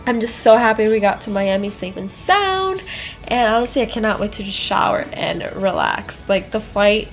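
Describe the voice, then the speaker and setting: A woman's voice: mid-range voice, expressive, moderate pace, faint music behind. A young woman chatting upbeat to her viewers in a casual travel vlog, filming herself with a handheld camera. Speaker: vlogger. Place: hotel room and beach.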